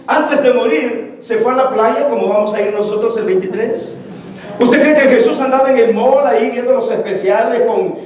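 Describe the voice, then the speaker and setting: A male pastor preaching a sermon, telling stories and acting out the dialogue with lively energy. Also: very high voice, a little hiss or hum. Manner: animated storytelling, acting out dialogue. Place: church. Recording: echoey church hall from far off.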